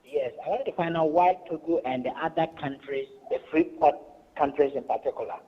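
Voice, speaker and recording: A man's voice: fairly high pitch, a little fast, breathy edge. A man from Ghana calling in, speaking hesitantly and repeating himself. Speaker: caller. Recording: dull lo-fi phone call.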